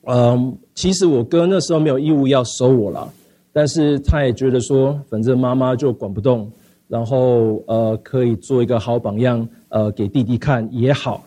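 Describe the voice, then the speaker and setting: Mellow-voiced man telling his story. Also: medium pitch. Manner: halting, many fillers and repeated words, slips into English. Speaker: speaker sharing a personal testimony. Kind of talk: personal storytelling.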